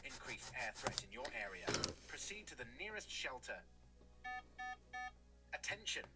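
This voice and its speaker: A man giving an air raid loudspeaker announcement, an urgent public warning in clipped, repeated phrases, heard from far off through an outdoor loudspeaker. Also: medium pitch, sing-song, normal speed, soft background music.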